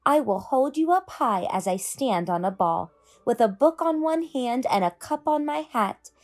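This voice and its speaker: A woman's voice: on the high side, expressive, unhurried, darkish tone. A woman voicing a playful, boastful, mischievous male cat from a storybook, in a showy, coaxing sing-song.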